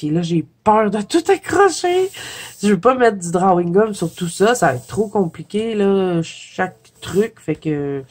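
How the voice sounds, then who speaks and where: A woman's voice: lowish voice, a little mellow. Stuffed-up Québécoise woman chatting while painting. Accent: Quebec French. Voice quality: chatty, laughs often, self-deprecating. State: congested with a head cold. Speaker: watercolor coloring vlogger. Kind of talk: casual chat while painting.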